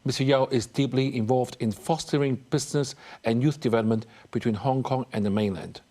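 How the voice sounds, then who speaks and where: A man's voice: medium pitch, a little fast, dark tone. A man hosting a TV news interview, reading a scripted introduction and then asking questions with some hesitant fillers. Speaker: TV interview host.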